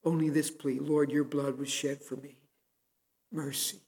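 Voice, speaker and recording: Preaching a sermon in a large sanctuary full of long reverb, a pastor tells stories earnestly and builds to emphatic pleas. His voice is a little high for a man, darkish in tone, with a level delivery at a measured pace.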